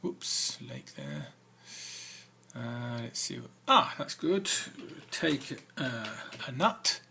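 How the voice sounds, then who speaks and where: A man's voice: mid-range voice, wildly swooping pitch, drawn-out words, gravelly, bright, forceful tone, a little hiss or hum. A man hosting a game walk-through, reading the game's text aloud between hesitant comments full of fillers. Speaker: let's-play host.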